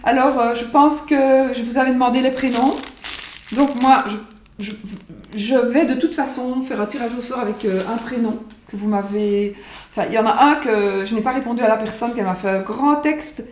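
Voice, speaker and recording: A woman's voice: a little high, moderate pace, darkish tone, slight background noise. Rambling woman in an echoey kitchen. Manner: rambling, chatty, repeats herself and uses many fillers. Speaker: psychic vlogger presenting her oracle cards. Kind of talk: casual chat to viewers. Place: home kitchen. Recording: roomy echo, voice from far off the mic.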